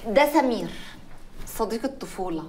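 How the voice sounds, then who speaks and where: A woman's voice: on the high side, animated, fairly quick, close to an everyday voice. An actress playing a snappy woman engineer who answers curtly and dismissively in an Egyptian accent. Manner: curt, dismissive. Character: sharp-tongued young woman engineer, snappy. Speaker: engineer at the company. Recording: film audio with room echo and music.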